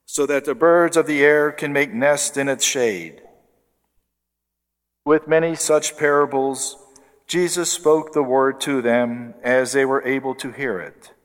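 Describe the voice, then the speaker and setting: Priest, fairly high male voice, slow deliberate Gospel reading, long cathedral reverb. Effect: long cathedral-like church reverb. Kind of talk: proclaiming the Gospel at Mass. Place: large church. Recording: long church hall reverb.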